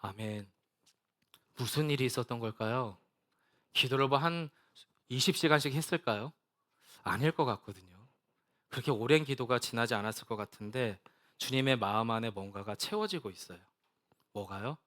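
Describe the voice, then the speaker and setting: A man preaching a sermon as pastor, dropping to a soft hush on key points and leading the congregation in reading scripture together. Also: mid-range voice, expressive, normal speed, long pauses. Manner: acts out Jesus' prayers in plain casual speech, then drops to a soft hush.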